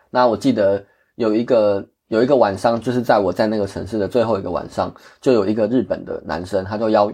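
A man's voice: on the low side, a little mellow, breathy edge. A man, a guest earnestly telling travel stories in casual chat. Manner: earnest, candid, many restarts.

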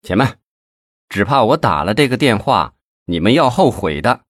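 A man voicing a stern, calm male official who speaks with firm authority. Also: lowish voice. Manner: firm, measured.

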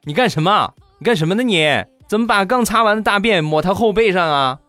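A shrill young wife who nags and scolds, as a man puts her on. Her pitch sits well above the speaker's own. The voice is loud and sharp, heard in a comic story. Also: lively intonation, fairly quick, music in the background, close to an everyday voice. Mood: scolding.

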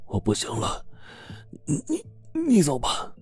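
A man's voice: a little high, wildly swooping pitch, unhurried, husky, faint music behind, pitched above the performer's own voice, full character voice. Man doing a faint, dying wounded man. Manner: weak, faltering, breathless speech. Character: badly wounded dying male miner boss.

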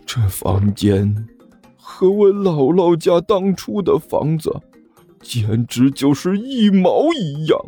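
Brief: a man playing an old master, drawn-out slow speech, stubborn, lively raised pitch. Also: slightly rough, soft background music, heavily acted. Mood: sentimental, insistent. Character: older male master, sentimental and stubborn.

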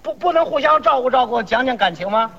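A man performing comic crosstalk, trading quick banter and sing-song vendor cries. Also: extremely high pitch, expressive, vocal fry, bright, forceful tone. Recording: dull lo-fi recording.

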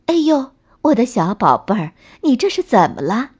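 Woman doing a soft, sighing mother rabbit. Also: sing-song, slow pace, husky, heavily acted. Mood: tender. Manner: low, soft, reproachful sighing tone. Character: patient mother rabbit, gently scolding and sighing. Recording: slightly dull lo-fi recording.

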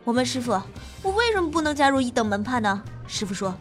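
A woman who's a game show host and streamer reads scripted gaming narration in a playful, dramatic storytelling style. Her voice is fairly high, very animated, and fast, with background music behind it.

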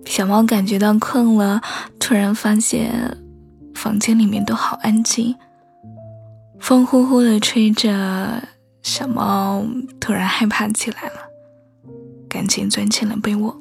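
A woman whispering a bedtime story slowly and soothingly, in a girlfriend whispered role-play, close to the microphone. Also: mid-range voice, steady tone, creaky, faint music behind. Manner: soft, hushed, slow and soothing.

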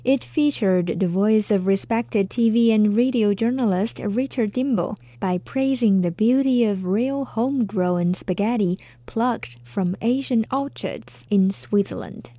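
A woman's voice: medium pitch, a little slow, hardly any pauses, warm tone, dry recording. A woman hosting a bilingual English lesson in a playful, chatty way, laughing often. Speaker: language lesson host. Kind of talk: bilingual casual lesson narration.

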